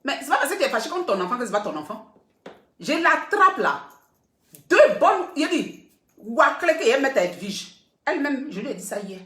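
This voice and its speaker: Middle-aged woman blogger, fairly high voice, animated and insistent, echoey room. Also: fast talker. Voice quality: animated and emphatic, repeating points for stress. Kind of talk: casual live video talk. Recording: roomy echo.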